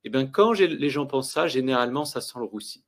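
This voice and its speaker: A man explaining market indicators to viewers, with lively, emphatic delivery and rhetorical questions. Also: mid-range voice, fast talker. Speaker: finance educator.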